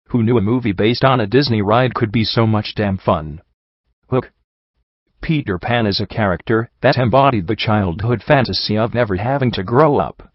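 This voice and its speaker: A man's voice: on the low side, no echo. A man narrating a scripted list of movie recommendations in a wry, playful, upbeat manner. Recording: dull, lo-fi dry sound.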